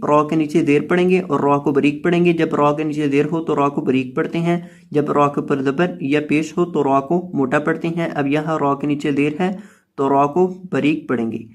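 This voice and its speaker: Male Quran reading teacher with a Pakistani Urdu accent and a somewhat high voice; patient, spells out letters and stretches each syllable. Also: fairly even intonation. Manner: patient, repetitive explaining, stretches recited syllables slowly. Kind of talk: slow tajweed lesson, spelling out letters and drawing out syllables.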